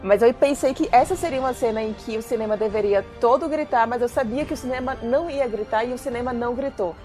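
Thoughtful Brazilian woman, slightly high. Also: fast, a little mellow, soft background music. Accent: Brazilian Portuguese. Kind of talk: casual chat.

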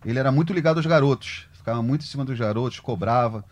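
A man talking football in an animated, emphatic, colloquial way as a sports journalist. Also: medium pitch, racing. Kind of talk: casual sports discussion.

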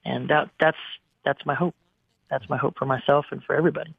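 A man's voice: medium pitch, steady tone, brisk, vocal fry, husky, no echo. A man in his forties, a guest singer, telling personal stories in an earnest, emotional way with many restarts. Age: 40s. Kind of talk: candid storytelling on a radio interview. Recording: dry, phone-like line.

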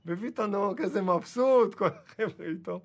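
A male comedian telling an army anecdote and acting out the quotes. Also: high-pitched. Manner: lively, acts out quotes. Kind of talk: storytelling.

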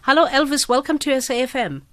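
A woman's voice: sits high, lively intonation, fast, fairly bright tone, dry recording. A woman with a South African accent hosting a live radio talk show from a studio, interviewing and taking calls conversationally. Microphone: close studio microphone.

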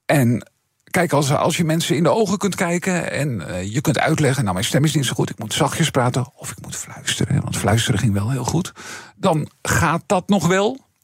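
A middle-aged Dutch man, a former radio presenter, talking reflectively as a guest with a husky, strained voice and many fillers. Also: fairly high pitch, sing-song, moderate pace, dry recording. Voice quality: husky, strained voice from vocal cord problems. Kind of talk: casual interview talk.

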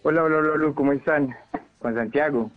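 A man's voice: a little high, quick pace, soft background music. Paisa man calling in on a dull line. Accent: Colombian paisa. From Medellín, Colombia. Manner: friendly, playful, flirty. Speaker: radio caller. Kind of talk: casual on-air phone chat. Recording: dull phone-line call.

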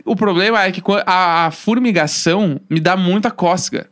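A man from Rio do Sul, co-hosting a podcast from a home studio and telling stories in a casual, slangy, animated way. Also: high-pitched, moderate pace. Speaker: podcast co-host. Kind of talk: casual chat.

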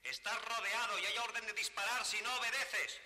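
Stern police inspector, through a megaphone from afar, very high, very bright, commanding, radio drama. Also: male voice, little pitch movement, a little fast. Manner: commanding, issuing orders. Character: stern male police inspector ordering surrender. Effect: through a megaphone, from a distance.

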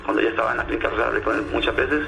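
A man's voice: mid-range voice, flat delivery, rapid-fire, creaky, bright, forceful tone, a little hiss or hum, low-quality recording. A man giving a distressed, plain-spoken testimony in a recorded news soundbite. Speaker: interviewee, husband of the deceased.

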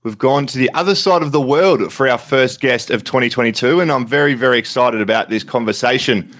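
A friendly Australian man hosts a podcast interview from home, sounding a little throaty from covid. His pitch sits in the middle and his talk is relaxed and chatty. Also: a little fast. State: has covid, a bit throaty. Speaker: podcast host.

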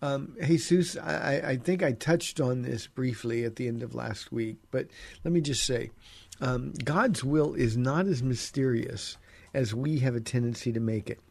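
As a pastor hosting a call-in radio show, a man gives Bible teaching in a relaxed, conversational style full of fillers. Being under the weather makes his gravelly voice sit deeper than usual, and he speaks at a measured pace in a radio studio with no echo.

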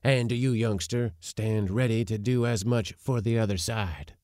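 A man voicing an excitable, secretive old uncle who gives urgent hissed whispers and sharp commands. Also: medium pitch, slow pace, creaky, no room sound, clean studio sound, voice pushed up, heavily acted. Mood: exultant.

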